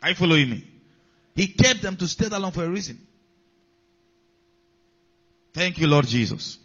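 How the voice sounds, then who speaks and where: A man preaching a sermon, with a high-sitting, slightly bright voice and lively intonation at a normal speed, repeats key lines and calls out to his congregation. He is a pastor, and the recording sounds dull and lo-fi.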